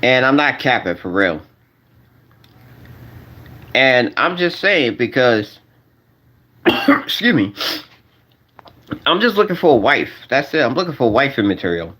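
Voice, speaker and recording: Man, forties, vlogger; loose slangy monologue, repeats himself, lively pitch. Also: measured pace, pauses often. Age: 40s. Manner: repetitive, restarts and repeats phrases; slangy, addresses viewers as y'all. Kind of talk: rambling casual monologue to viewers.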